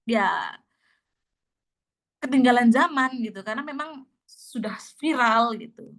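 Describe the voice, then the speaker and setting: A woman's voice: a little high, a little slow, background noise. A woman teaching a class in a casual, chatty and emphatic way, repeating her points. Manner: chatty and emphatic, repeats herself, many fillers. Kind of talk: casual spoken lesson.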